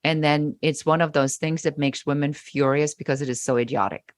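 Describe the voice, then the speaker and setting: A woman's voice: deep voice, steady tone, brisk, no echo. A woman guest on a podcast, speaking emphatically and acting out the remarks she quotes. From Germany. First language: German. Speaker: podcast guest, business coach. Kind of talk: interview conversation.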